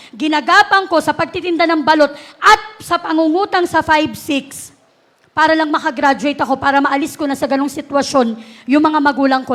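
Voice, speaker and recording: A woman tells her life story in a casual way, acting out the dialogue and mixing English words into her talk. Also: sits high. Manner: animated, acts out dialogue, mixes English into Tagalog.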